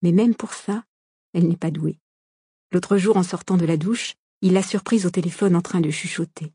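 A woman reading a novel aloud as an audiobook narrator, calm and measured, recorded on a close studio microphone. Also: fairly low pitch, slightly rough, dry recording. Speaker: audiobook reader.

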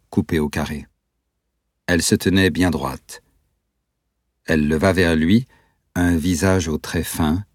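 Un homme qui lit la narration d'un roman en livre audio, d'un ton posé et descriptif. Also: male voice, low voice, no echo, studio quality. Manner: measured, descriptive reading.

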